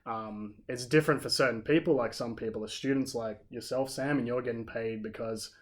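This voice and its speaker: A man's voice: mid-range voice, fairly even intonation, a little fast. An Australian man in a casual podcast chat, giving firm opinions and leaning on "like" as he talks. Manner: opinionated and emphatic, leans on "like".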